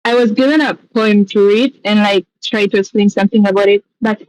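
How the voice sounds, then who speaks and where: A woman's voice: medium pitch, fairly even intonation, fairly quick, darkish tone, dry recording, poor audio. A woman with a Tanzanian accent, a scholarship mentor giving encouraging seminar advice over a video call. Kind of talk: seminar talk mixing English and Swahili.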